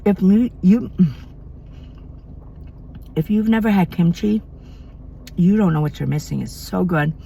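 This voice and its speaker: A woman's voice: fairly low pitch, a little slow, vocal fry, pauses often, mellow, husky. A middle-aged woman from Maine chatting casually between bites in an eating vlog at home at night. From Maine, USA. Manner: chatty, eats between sentences. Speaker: mukbang vlogger.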